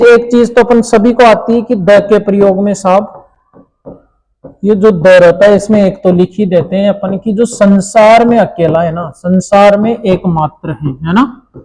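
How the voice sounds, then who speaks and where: High-ish warm voiced guy, teaching kids grammar slow and patient. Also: low-quality recording. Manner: explains slowly, repeats checks like "theek hai" to children. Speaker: English teacher. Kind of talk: classroom grammar lesson.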